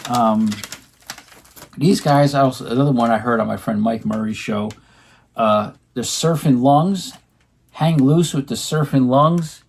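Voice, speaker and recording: A man's voice: medium pitch, unhurried, creaky, a little mellow. Man rambling about records at home. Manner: rambling, many ums and restarts. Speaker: co-host showing his record purchases. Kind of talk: casual chat.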